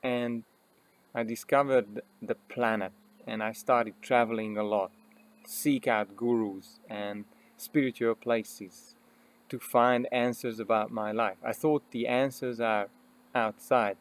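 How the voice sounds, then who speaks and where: A man from Hungary with a Hungarian accent, a personal development coach telling his own story in an earnest, unhurried way with frequent pauses and fillers. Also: mid-range voice, steady tone.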